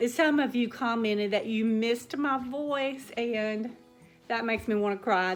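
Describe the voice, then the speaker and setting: A woman with a Southern US drawl, chatting gently to her viewers as the host of a home cooking channel. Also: fairly high pitch. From Southern United States. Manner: gentle, slow, warm storytelling drawl. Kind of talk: casual chat to viewers.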